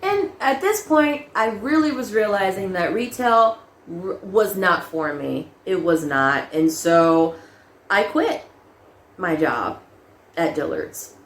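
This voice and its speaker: A young adult woman casually telling a personal story, animated, laughing often and acting out quoted lines. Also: mid-range voice, slow pace, reverberant, slight background noise.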